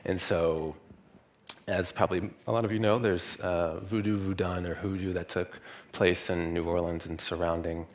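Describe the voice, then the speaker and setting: A young man from Louisiana giving a university lecture, relaxed and thinking aloud with many fillers. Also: low voice, moderate pace. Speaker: guest lecturer.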